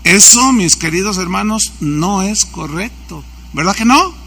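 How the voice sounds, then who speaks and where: A man's voice: high voice, animated, a little slow, sharp tone, a little hiss or hum. A man, a pastor preaching a sermon and acting out the voices of people in his stories. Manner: anecdotal, acts out quoted dialogue.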